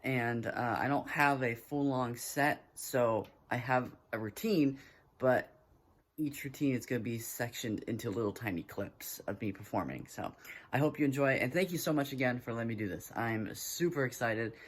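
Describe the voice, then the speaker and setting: A man's voice: mid-range voice, moderate pace. A chatty young man in his twenties speaking straight to camera. He is casual and apologetic, with lots of fillers, as he introduces his comedy audition. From Pacific Northwest US. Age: 20s.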